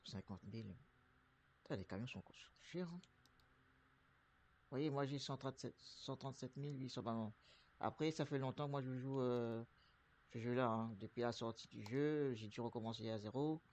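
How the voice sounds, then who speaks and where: Talking his viewers through a truck purchase in a trucking game, a flu-ridden streamer rambles in casual commentary, full of fillers and restarts. His medium-pitched voice is a little mellow and at normal speed, with a little hiss or hum in the recording.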